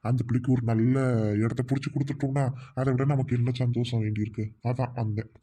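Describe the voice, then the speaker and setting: A man voicing a teasing middle-aged husband in a cartoon, who speaks slowly. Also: medium pitch, flat delivery, warm tone, slightly rough, natural voice. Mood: friendly.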